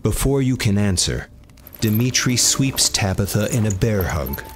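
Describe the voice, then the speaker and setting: A man narrating a story in the second person as game master, calm and steady. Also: lowish voice, a little slow, a little hiss or hum. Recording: faint music behind.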